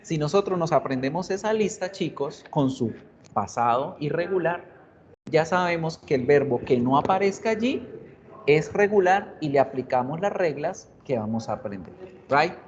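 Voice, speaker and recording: A man's voice: on the high side, animated, moderate pace. A man teaching an English grammar class online, explaining in Spanish and English, asking students questions and repeating example words. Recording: dull, lo-fi online class audio with faint hiss.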